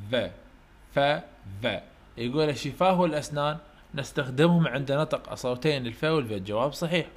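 A man with an Iraqi Arabic accent gives a university English lecture, reading English questions slowly and explaining them in Arabic. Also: medium pitch. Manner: asks students questions and answers them himself. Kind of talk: online lecture.

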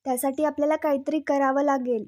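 A woman reading the lines of a scheming young niece in a coaxing manner, in a high voice. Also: fairly even intonation, fast talker, darkish tone, no echo, studio quality, natural voice.

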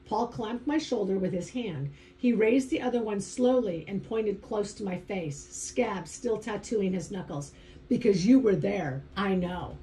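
A woman's voice: medium pitch, unhurried, hardly any pauses, dark tone, low-quality recording. A woman narrating a first-person audiobook in a conversational, wry inner-monologue manner.

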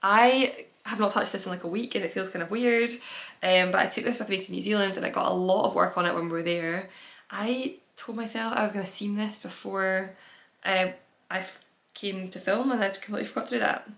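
A woman who hosts a knitting podcast and designs patterns chats casually while showing off her projects, rambling with fillers and correcting herself. Her voice is medium-pitched and a bit bright, with fairly even intonation, vocal fry, and a brisk pace.

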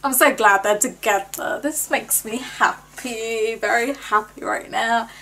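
A woman's voice: on the high side, measured pace, bright, forceful tone, faint music behind, low-quality recording. A young woman, chatting casually and jokingly while she reacts to a film. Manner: chatty, joking, laughs often. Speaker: movie reaction creator. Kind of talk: casual movie reaction commentary.

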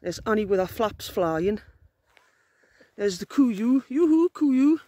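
With a gruff, dark, expressive mid-range voice at a slow pace, a woman vlogs her camping trip on open moorland on a handheld phone. She's chatty and teasing, laughing often, and the recording is dry and studio-clean.

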